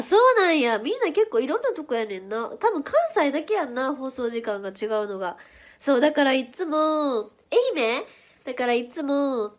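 A woman with a Kansai accent and a stuffy nose, chatting playfully on a livestream and reacting to viewer comments. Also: sits high. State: stuffy nose from hay fever. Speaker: idol livestream host. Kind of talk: casual livestream chat reading viewer comments.

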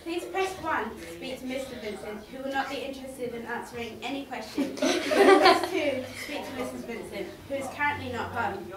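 A woman's voice: sits high, expressive, normal speed, few pauses, recorded from a distance, a crowd in the background. Woman doing a robotic answering machine, mock-formal menu, echoey hall, audience. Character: robotic automated phone answering system. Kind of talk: comic skit.

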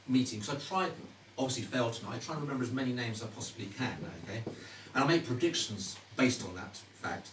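Male magician, chatty card-trick patter, animated intonation, distant noisy live recording. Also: medium pitch, roomy sound. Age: middle-aged. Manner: chatty, teasing, questioning asides to audience. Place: indoor stage before a small live audience. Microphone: distant audience camera.

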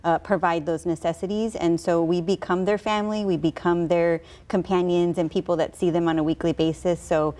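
A woman's voice: lowish voice, steady tone, a little fast, few pauses, dark tone. Chatty woman, hospice guest. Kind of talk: TV studio interview. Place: local TV news studio, on a couch. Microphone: lapel mic.

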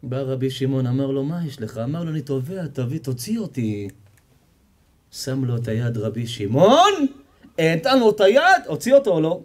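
A man, a rabbi, giving a sermon full of stories, acting out the characters and joking with the audience. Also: mid-range voice. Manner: animated storytelling, acts out characters, jokes and quizzes the audience. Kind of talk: sermon with storytelling.

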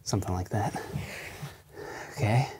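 A man's voice: lowish voice, a little slow, noisy background. A young man, a fitness coach, talks casually as he demonstrates a crawling exercise in a carpeted living room, recorded by a camera a few meters off.

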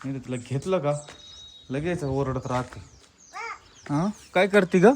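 A woman's voice: rumbling low, a little slow, darkish tone, slight background noise. A young woman talking to her baby daughter in coaxing baby talk, repeating short phrases in a sing-song way.

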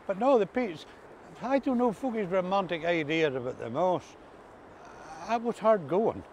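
Out on a grassy seaside path, an elderly Ulster Scots man reminisces about farm life in broad rural dialect, talking casually to an interviewer. His voice is high, animated, a little slow and a little mellow. Clear ambient outdoor sound surrounds him.

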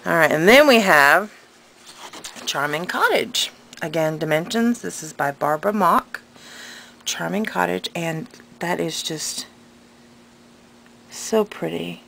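This craft vlogger speaks slowly in a lowish, slightly bright voice with lively intonation and long pauses. She sells patterns and chats unscripted at her home craft table, hesitant and rambling yet enthusiastic, a tongue piercing slightly hindering her articulation. The home recording is clearly noisy.

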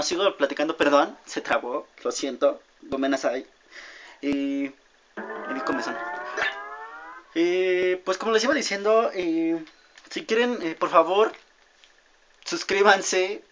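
Young guy doing gameplay commentary, slightly high voice, rambles and yelps at the game, muffled lo-fi audio. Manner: rambling, easily distracted, shouts at game mishaps. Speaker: gamer. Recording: dull lo-fi audio with loud game music.

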